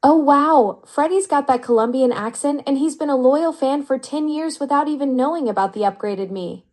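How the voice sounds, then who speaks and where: A synthetic woman's voice of an AI chat assistant, upbeat and flattering with smooth, even delivery. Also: high voice, moderate pace. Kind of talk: conversational AI reply.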